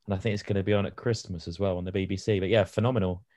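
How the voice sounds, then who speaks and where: A low-voiced man chatting on a podcast, wandering through his stories with ums and restarts. His delivery is casual and unpolished. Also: fairly even intonation, rapid-fire, darkish tone. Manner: rambling and hesitant, with filler words. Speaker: podcast co-host. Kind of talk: casual chat.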